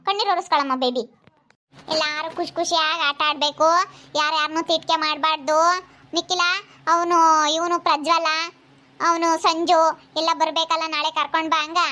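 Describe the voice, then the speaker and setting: A woman's voice: high-pitched, pushed and bright. A woman with a regional Kannada accent playing a village preschool teacher who coaxes and scolds children in a comic skit. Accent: Kannada, Hiriyur area. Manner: coaxing, scolding teacher talk.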